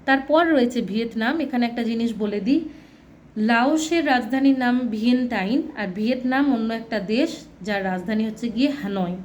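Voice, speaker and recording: A woman with a somewhat high voice teaches a children's lesson in a plain, explaining way. She spells out words and repeats points so the children do not mix them up. Faint hiss runs behind her voice. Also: a little fast, a little mellow. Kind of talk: reading through a textbook lesson for children.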